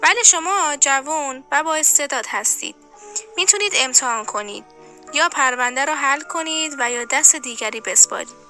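An actress voicing a composed school principal who speaks in a measured, firm and authoritative way. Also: female voice, sits high, animated, bright, forceful tone, soft background music. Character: composed adult woman school principal, firm but kind. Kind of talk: audio drama acting.

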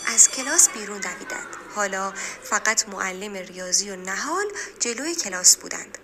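A woman's voice: medium pitch, lively intonation, noisy background. A woman narrating a story expressively. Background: music.

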